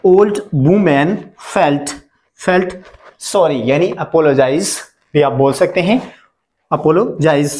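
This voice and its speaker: A man from India teaching English translation, saying each example slowly and repeating every phrase. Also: fairly high pitch, a little mellow. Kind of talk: Hindi-language English lesson.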